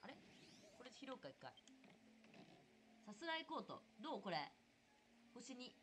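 A young woman chatting casually through a live game stream, excitable and talkative, yelping and shouting at what happens on screen. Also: on the high side, a little slow, noisy background. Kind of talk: casual live gameplay commentary.

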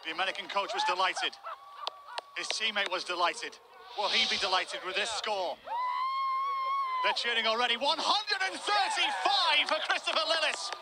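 A man calling live play-by-play sports commentary, measured and building excitement at big moments. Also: high-pitched, over a noisy crowd, very noisy. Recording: outdoor venue ambience behind voice.

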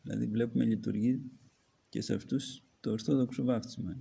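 A man's voice: mid-range voice, steady tone, creaky, warm tone, breathy edge. A man, an Orthodox archimandrite, reads a book aloud as a homily and breaks off to add his own comments. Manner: reads narrative then pauses to comment.

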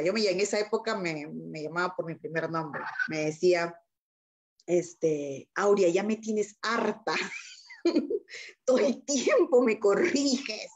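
A woman interviewer in casual conversation, animated as she tells stories and often laughing. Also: medium pitch.

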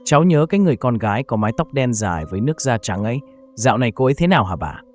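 A man's voice: medium pitch, animated, rapid-fire, soft background music, close to an everyday voice. A man voicing a curious, affectionate young grandson in a narrated horror story, asking eager questions.

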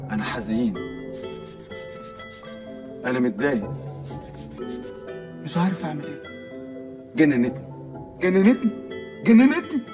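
A man's voice: medium pitch, lively intonation, normal speed, pauses often, music in the background, close to an everyday voice. An actor playing a gloomy, dependent young man who talks in a whiny way and repeats himself in a film comedy. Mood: mopey.

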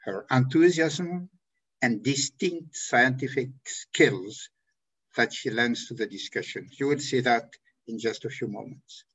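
A man moderating a conference session, introducing the speakers slowly and deliberately. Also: medium pitch, breathy edge. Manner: slow, measured, deliberate. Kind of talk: formal introduction. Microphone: video call. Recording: dull lo-fi video call audio.

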